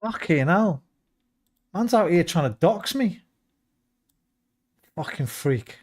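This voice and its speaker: A man's voice: high-pitched, animated, slow pace, a little mellow. A man chatting casually on a gaming livestream, blunt, bantering and sweary. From West Midlands, England. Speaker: game streamer.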